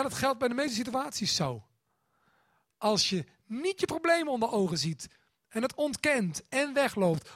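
A man's voice: high voice, dry recording, clean studio sound. A man, preaching a sermon and acting out quotes. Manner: animated, acts out quotes and a child's voice. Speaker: pastor.

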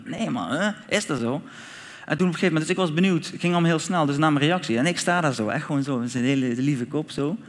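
A man telling a personal testimony in a casual, animated way, acting out his own thoughts and dialogue with loose slang and frequent restarts. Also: on the high side, long reverb tail. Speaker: guest telling his life story.

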